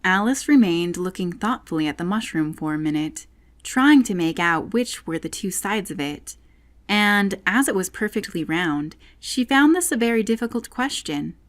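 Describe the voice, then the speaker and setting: A woman's voice: mid-range voice, expressive, normal speed. A woman reading a children's classic aloud as a scripted audiobook narrator.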